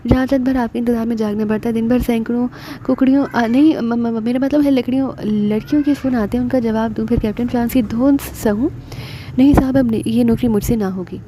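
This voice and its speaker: A woman's voice: fairly high pitch, steady tone, brisk, noisy background, natural voice. A woman voicing a fussy, cheeky male servant who grumbles and stumbles over his words. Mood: grumbling.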